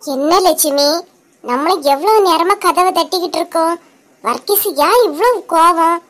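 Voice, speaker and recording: A woman's voice: very high voice, moderate pace, a bit bright. A woman with a Kanyakumari Tamil accent voicing nosy neighbor aunties in a cartoon comedy, gossiping and calling out at a door.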